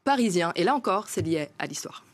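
A woman co-hosting a news broadcast, brisk and chatty, often agreeing with her partner. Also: fairly low pitch, lively intonation. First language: French-American background. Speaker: news show co-host. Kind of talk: live broadcast chat.

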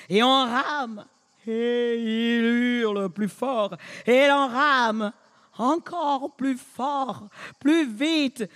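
A man's voice: sits high, a bit bright, clear, resonant tone, dry recording. An actor playing the haunted, restless ghost of a murdered man in a radio drama, speaking solemnly and telling a story in an incantatory way. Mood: chanting. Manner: slow, solemn, incantatory delivery.

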